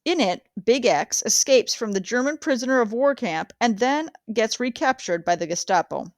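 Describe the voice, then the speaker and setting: A woman's voice: on the high side, lively intonation, moderate pace, no room sound, clean studio sound. A woman reading the part of someone chatting casually about a movie. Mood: chatty.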